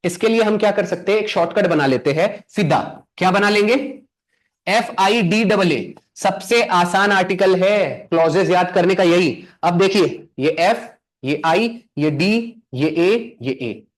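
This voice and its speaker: A young man teaching an exam coaching lesson, asking the class questions and answering them himself, slowing down to spell out English terms. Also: sits high. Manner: quizzing students with rhetorical questions, answering himself.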